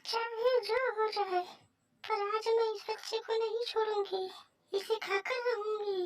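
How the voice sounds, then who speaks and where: A woman voicing a hungry female witch in a cartoon, who talks slowly and menacingly. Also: very high-pitched, fairly even intonation. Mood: defiant. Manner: slow, gloating and menacing. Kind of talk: cartoon voice acting.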